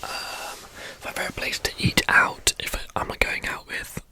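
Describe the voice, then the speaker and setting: A young adult speaking in a fast, breathy ASMR whisper, rambling informally and repeating words while answering questions. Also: sharp tone.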